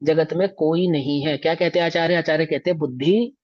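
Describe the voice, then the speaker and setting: A man's voice: fairly high pitch, fairly even intonation, fairly quick, darkish tone. A man teaching scripture in a lecture, pressing his points hard and turning again and again to his listeners with rhetorical questions. The recording sounds somewhat dull and lo-fi. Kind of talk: religious discourse lecture.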